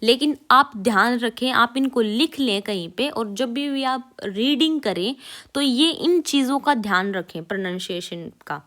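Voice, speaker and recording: Brief: female teacher, unhurried, slightly high voice, repeats sounds for learners. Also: expressive, fairly bright tone. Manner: repeats each sound slowly and clearly for learners. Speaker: German teacher. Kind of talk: casual spoken lesson.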